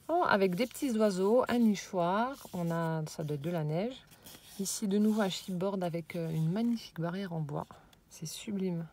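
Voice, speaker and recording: Hesitant French woman admiring crafts. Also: mid-range voice. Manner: hesitant, searching for words, many fillers; admiring, drops into soft whispered asides. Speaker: vlogger showing a handmade scrapbook album. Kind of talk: casual show-and-tell.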